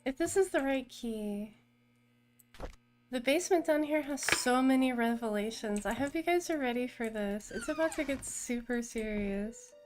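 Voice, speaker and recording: A woman streaming a murder mystery game, chatting casually, reading diary notes aloud and greeting new subscribers with excitement. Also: sits high, normal speed, soft background music.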